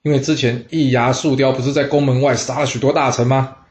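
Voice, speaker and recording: A man telling a historical tale in an animated, chatty way, with asides to listeners. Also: medium pitch, brisk, muffled recording. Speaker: storyteller. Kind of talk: lively historical storytelling. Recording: roomy echo.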